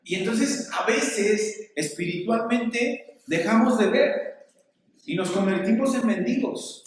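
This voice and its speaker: A man preaching to teenagers, animated, often asking his listeners questions. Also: high voice, slow. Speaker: youth pastor. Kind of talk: sermon to teenagers. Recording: echoey room from far off.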